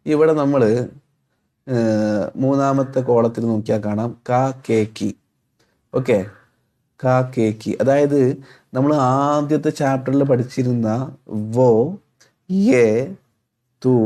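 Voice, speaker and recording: A man with a Malayalam accent teaching a grammar lesson, reading example sentences slowly and repeating them. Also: mid-range voice, dark tone. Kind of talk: explanatory language lesson.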